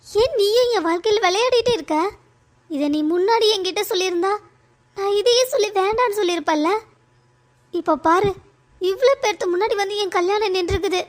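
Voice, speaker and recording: A woman voicing a hurt young bride in a cartoon story, speaking in reproachful, accusing questions. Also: extremely high pitch.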